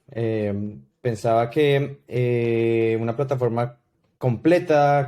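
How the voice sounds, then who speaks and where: A man in his thirties with a Colombian accent, a podcast guest who tells his story slowly, with many fillers and restarts. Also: mid-range voice, mellow. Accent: Colombian Spanish. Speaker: guest consultant. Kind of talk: podcast interview.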